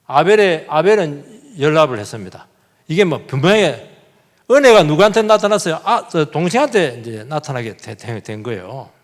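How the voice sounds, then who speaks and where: A man's voice: fairly high pitch, very animated, normal speed. A man, a pastor, preaching a sermon, with rhetorical questions and acted-out quotes. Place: church sanctuary. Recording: long church hall reverb.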